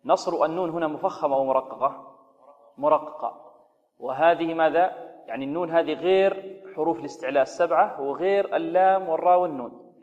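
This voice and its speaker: A man's voice: on the high side, darkish tone, dull audio. Man teaching Quran recitation, echoey. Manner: asks rhetorical questions and answers them himself; slowly intones sample verses to demonstrate pronunciation. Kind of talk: tajweed lesson on radio.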